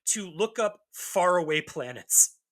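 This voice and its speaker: This is a man co-hosting a podcast in relaxed chat. His voice is bright and his pitch moves a lot, and he slips in dry, sarcastic asides while talking. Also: unhurried. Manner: wry, joking, lots of fillers and restarts. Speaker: podcast co-host. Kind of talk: casual chat.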